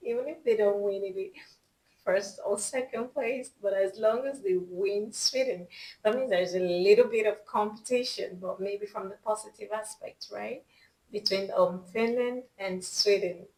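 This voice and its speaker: A woman's voice: mid-range voice, measured pace, darkish tone, rough recording. A woman hosting a reaction video, talking casually and gushing with praise. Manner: effusive, gushing.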